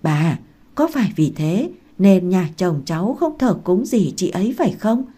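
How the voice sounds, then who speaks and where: A woman reading aloud and voicing a meek young pregnant daughter-in-law who asks softly and pleads. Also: fairly low pitch, sing-song, a little slow, husky, full character voice. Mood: pleading. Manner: soft, pleading, curious.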